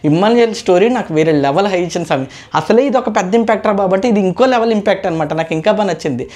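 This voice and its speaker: A woman's voice: medium pitch, rapid-fire, darkish tone. A woman chatting casually through a reality show episode review, re-enacting contestants' lines as she goes.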